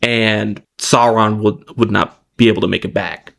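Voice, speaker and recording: A man co-hosting a podcast, moving between relaxed chat with fillers and restarts and read-out passages of plot summary. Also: lowish voice, moderate pace, creaky. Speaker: podcast co-host. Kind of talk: casual chat mixed with reading a plot summary.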